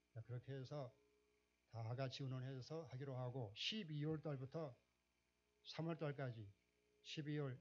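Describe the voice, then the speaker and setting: A male pastor delivers a sermon in a storytelling way, building up to loud, emphatic peaks. His pitch sits in a middle register. The recording is dull and muffled.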